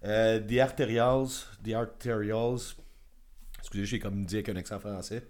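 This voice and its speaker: A man's voice: on the low side, fairly even intonation, moderate pace, darkish tone. A man with a Quebec French accent hosting a casual music review chat, rambling and enthusiastic with casual swearing. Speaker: podcast host.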